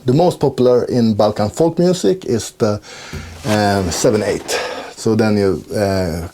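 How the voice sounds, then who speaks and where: A man's voice: lowish voice, a little slow, dark tone, slight background noise. A man teaching a music lesson, explaining chords step by step and counting beats aloud. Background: guitar playing.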